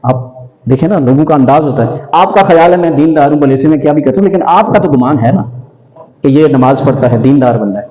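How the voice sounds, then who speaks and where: A man preaching in an earnest, admonishing way, his voice mellow and raised a little high. The sound is dull and lo-fi, with a long echo from a large hall. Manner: earnest, admonishing, slips into Punjabi. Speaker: religious scholar. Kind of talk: sermon-style talk with anecdotes.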